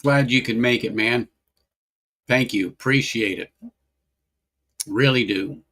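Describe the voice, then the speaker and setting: A man's voice: mid-range voice, takes it slowly, sharp tone. A man hosting a casual whiskey-tasting livestream, rambling, repeating himself and greeting chat viewers by name.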